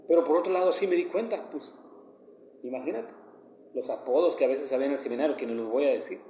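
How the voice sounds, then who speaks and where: A man's voice: medium pitch, dark tone, reverberant, slight background noise. A man with a northern Mexican accent, giving a devotional meditation in a conversational, earnest way that often turns emphatic. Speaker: preacher.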